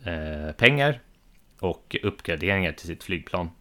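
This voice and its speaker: Very low-voiced hesitant Swedish man. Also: lively intonation, pushed and bright. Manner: hesitant, many fillers and restarts, laughs often. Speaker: podcast co-host. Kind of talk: casual chat.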